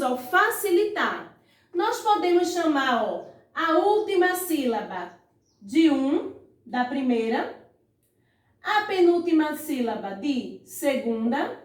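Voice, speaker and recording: A woman's voice: very high-pitched, far from the mic. A woman teaching a primary school lesson online, often prompting pupils with little calls to look and stretching out words syllable by syllable. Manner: slow, stretched-out syllables when saying words; frequent "ó" and "vejam só" prompts to pupils. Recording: echoey room, voice away from the mic.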